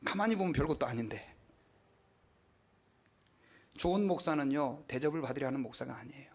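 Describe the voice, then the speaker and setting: A man's voice: mid-range voice, racing, slightly rough. A middle-aged male pastor preaching a sermon in a conversational way, asking the congregation questions and acting out quotes.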